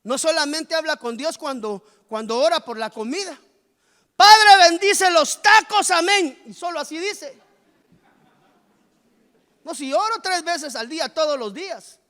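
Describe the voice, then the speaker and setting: Man, pastor, animated sermon, rhetorical questions, high voice, echoing church hall. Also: moderate pace. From Guatemala.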